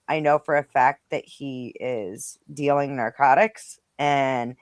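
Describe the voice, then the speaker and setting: A woman's voice: a bass voice, fairly even intonation, slow pace, no room sound. A blunt woman who swears freely, talking casually in a live discussion. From Rhode Island, now Western New York.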